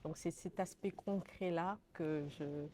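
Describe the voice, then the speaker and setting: A woman's voice: lowish voice, takes it slowly, dark tone, a little hiss or hum. A woman in her thirties from Senegal giving an interview testimonial, earnest and hesitant with many fillers.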